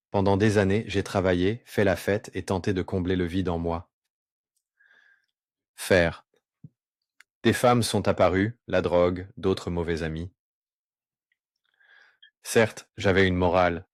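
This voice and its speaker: His voice digitally lowered to an unnaturally deep pitch to hide his identity, a man confesses his own story with earnest remorse. He pauses and stretches out key moments slowly. The sound is close and dry, without any echo.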